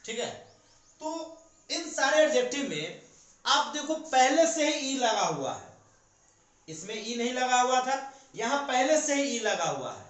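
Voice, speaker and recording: A man's voice: very high-pitched, big pitch swings, unhurried, pauses often, a bit bright. A man teaching a grammar lesson to a class, explaining step by step and answering his own questions. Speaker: English teacher. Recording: very echoey room.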